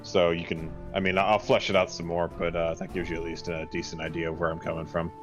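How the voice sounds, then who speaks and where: A man's voice: low-pitched, little pitch movement, fast talker, highs cut off, soft background music. A man taking part in a tabletop game, chatting in an easygoing way. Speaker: player. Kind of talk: casual tabletop play.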